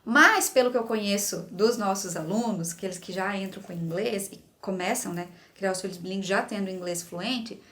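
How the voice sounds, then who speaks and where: A woman's voice: medium pitch, normal speed, hardly any pauses. A woman in her thirties with a Brazilian Portuguese accent, chatting straight to camera as a parenting coach. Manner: chatty, animated, addresses viewer directly. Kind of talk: casual explainer to camera.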